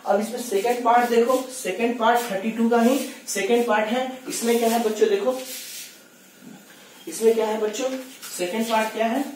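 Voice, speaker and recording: High-voiced man teaching in an echoey room. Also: fairly even intonation. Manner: talks to students as kids, reads questions slowly, explains step by step. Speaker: maths teacher. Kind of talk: exam solution lesson. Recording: very echoey room, distant mic, faint noise.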